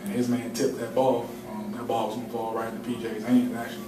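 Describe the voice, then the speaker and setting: A man's voice: mid-range voice, monotone, quick pace. A man answering at a postgame press conference, candid and self-critical, with many fillers. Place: large press room. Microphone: table mic, heard from a distance. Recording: roomy, distant, noisy press room audio.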